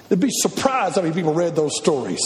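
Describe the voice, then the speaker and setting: A man preaching a sermon to missionaries, animated, with shouted bursts and acted-out voices. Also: fairly high pitch, quick pace. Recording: echoey hall.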